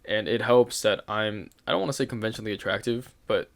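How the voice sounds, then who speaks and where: This young man's voice is fairly low, fast and creaky as he rants through a personal story on his channel. The telling is candid and rambling, peppered with fillers, swearing and the odd laugh.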